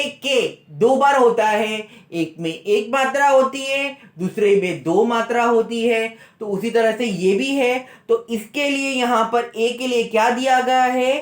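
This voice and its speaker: Slow, patient male teacher in an echoey room. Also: very high voice. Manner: patient, repeats and spells out letter sounds one by one. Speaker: school teacher. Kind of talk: recorded Hindi lesson for young children. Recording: roomy echo.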